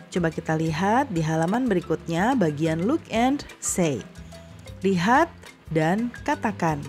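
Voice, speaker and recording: A woman teaching an online English lesson to young children, speaking in a friendly, patient way and saying English phrases slowly and clearly so they can repeat them. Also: on the low side, a little mellow. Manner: slow, drawn-out modeling of English phrases for repetition.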